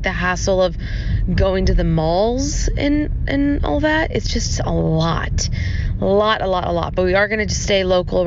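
Woman on a lo-fi phone voice memo. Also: mid-range voice. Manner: rambling, chatty, many fillers. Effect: recorded on a phone voice recorder. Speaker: podcast host. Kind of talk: casual chat. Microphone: phone voice recorder app. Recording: dull lo-fi phone voice memo with faint noise.

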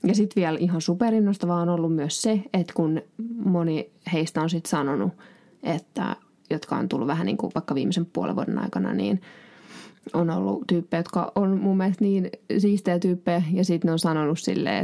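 Woman podcaster chatting on her own, low-ish voice, lots of fillers and restarts. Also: creaky, dark tone. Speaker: podcast host. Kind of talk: casual solo podcast Q&A.

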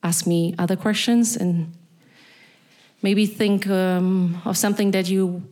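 Addressing the listener directly, a middle-aged East Berlin woman with a German accent performs a deliberate spoken-word monologue in a mellow, medium-pitched voice with fairly even intonation.

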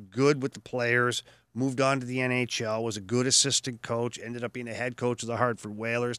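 A man with a bright, forceful voice talks through hockey trades in a casual podcast chat. His delivery is opinionated and animated, and the sound is dry and close. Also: medium pitch, no room sound. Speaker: podcast co-host.

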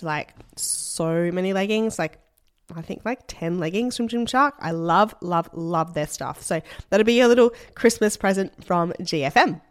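A woman's voice: on the low side, clear, resonant tone, no room sound, studio quality. A woman hosting a podcast in casual, upbeat chat, her voice congested from a chest infection. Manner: upbeat and chatty, laughs often. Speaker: podcast host.

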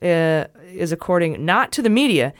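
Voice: medium pitch, lively intonation, moderate pace, no echo, clean studio sound. Wry, sarcastic podcast host. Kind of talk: casual political news chat.

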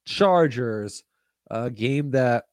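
A man's voice: medium pitch, animated, drawn-out words, a little mellow, dry recording. Male sports podcast co-host, dry close sound. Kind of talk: casual sports show chat.

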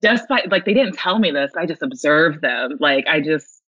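A woman's voice: low voice, animated, normal speed, a bit bright, dry recording, highs cut off. A young woman speaking earnestly as a guest in a podcast interview. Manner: earnest, grows emotional.

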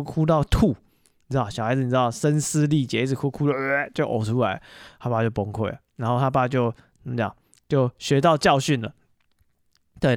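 A man hosting a podcast, casually telling stories alone and pausing on fillers as he goes. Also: medium pitch, no room sound, clean studio sound. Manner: chatty, animated retelling full of fillers. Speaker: podcast host. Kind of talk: casual solo storytelling monologue.

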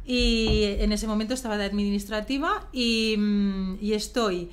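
A woman guest in a podcast interview, telling a personal story in a lively, emotional and rambling way. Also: medium pitch, unhurried.

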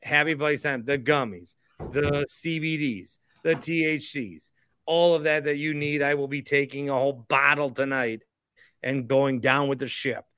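A man's voice: mid-range voice, steady tone, moderate pace, pushed and bright, clean tone, dry recording, studio quality. A tipsy man hosting a sports livestream, rambling and swearing in exasperation as he rants. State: drunk, tipsy. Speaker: host of a sports fan livestream. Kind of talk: rambling livestream rant about basketball.

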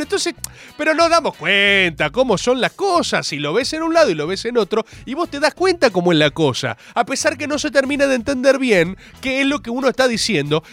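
A young man with a Rioplatense accent hosting a show, ranting sarcastically in a monologue. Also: very high voice. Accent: Rioplatense Spanish. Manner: sarcastic, animated, mocking voices. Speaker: host.

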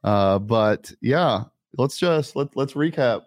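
A man hosting a sports betting show, chatting casually and rattling off his picks with quick exclamations. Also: medium pitch, lively intonation.

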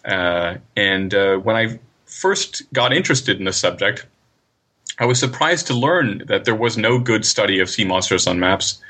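A man speaks as a research guest with a fairly low, bright voice. He explains things in measured, scholarly phrases, in the manner of an interview. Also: animated.

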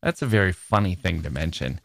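Animated and a little fast, a man with a low voice and some vocal fry hosts a podcast, reading personal ads aloud and commenting with wry amusement. He muses in rhetorical questions, and the studio sound is clean with no echo.

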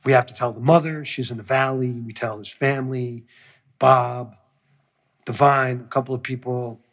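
A man in an interview with a husky, slightly raspy voice, spinning a long anecdote. He talks loosely and profanely, and he jumps into the voices of the people in his story as he goes. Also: medium pitch, moderate pace. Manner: profane, animated storyteller who acts out quotes. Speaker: music producer.

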